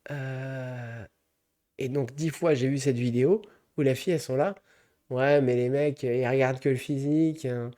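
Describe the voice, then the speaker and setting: A man's voice: mid-range voice, moderate pace. Slangy young man ranting comically. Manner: animated, slangy, mocking. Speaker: comedian vlogger. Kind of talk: comic rant to camera.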